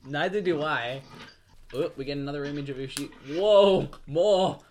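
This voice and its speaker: A man's voice: a little high, moderate pace, a little mellow, a little hiss or hum. A young man hosting a casual podcast chat, teasing his friends, swearing a lot and laughing easily. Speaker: podcast host. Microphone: shared studio mic.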